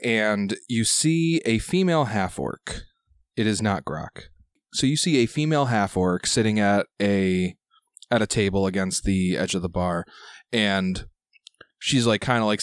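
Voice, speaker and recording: A man working as game master, improvising narration in a halting, conversational way. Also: lowish voice, clean tone, dry recording, studio quality. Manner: halting, conversational phrasing with repeated "like".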